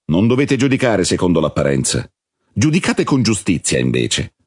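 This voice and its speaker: A man reading the part of a calm, solemn male religious teacher in a measured, husky voice. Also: sits low, dry recording, clean studio sound, full character voice.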